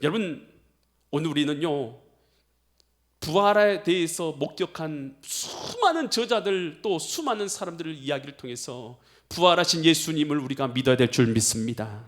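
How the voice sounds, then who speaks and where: A man's voice: fairly high pitch, animated, normal speed. A man preaching a sermon as pastor, emphatic and direct, pressing the congregation with repeated rhetorical questions.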